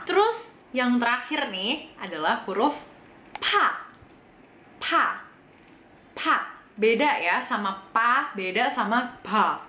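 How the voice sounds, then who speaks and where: A young woman, a Korean language teacher, giving a casual, chatty pronunciation lesson and repeating sounds slowly for practice. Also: medium pitch, sharp tone, echoey room, a little hiss or hum.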